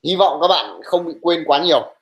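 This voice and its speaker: A young man teaching an online class, his voice sitting a little high for a man. He talks briskly and teases his students, scolding them bluntly as he calls the roll. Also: lively intonation, highs cut off. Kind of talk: online class talk, taking attendance.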